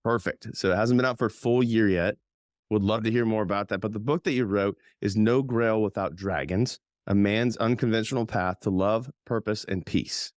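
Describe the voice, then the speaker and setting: A man hosting a podcast, talking in a chatty, rambling way with lots of fillers. His voice is a bit hoarse from a cold. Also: fairly low pitch, normal speed, dry recording, clean studio sound. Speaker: podcast host.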